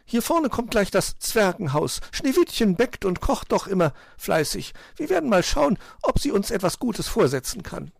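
A man voicing a fussy, indignant female magpie who speaks in a shrill, bossy way. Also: sing-song, normal speed, gravelly, few pauses, dry recording, exaggerated voice.

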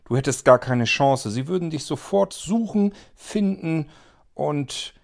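A man's voice: mid-range voice, very animated, measured pace, voice pushed up. A man reading an audiobook, voicing a blunt, skeptical young woman who argues insistently. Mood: sharp. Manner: arguing, insistent.

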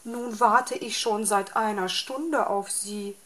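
A woman's voice: medium pitch, steady tone, takes it slowly, a bit bright, voice pushed up. A woman voicing a polite, fussy old male owl in a storybook reading, hooting now and then.

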